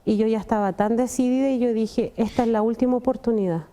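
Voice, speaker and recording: Woman telling her testimony, kinda high voice but soft and mellow, keeps repeating herself. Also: fairly even intonation, quick pace. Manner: earnest, repeats words, often addresses the pastor. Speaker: testimony guest. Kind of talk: emotional personal testimony.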